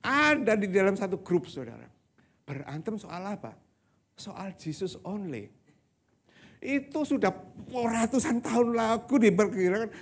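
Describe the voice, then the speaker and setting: A man's voice: high voice, husky. A man preaching a sermon as pastor, speaking conversationally and often addressing his congregation directly. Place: church service, live-streamed.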